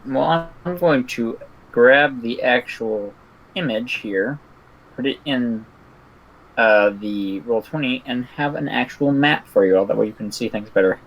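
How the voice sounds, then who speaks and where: A man's voice: medium pitch, a little slow, lo-fi sound. A man running a tabletop game as game master, making dry, wry asides.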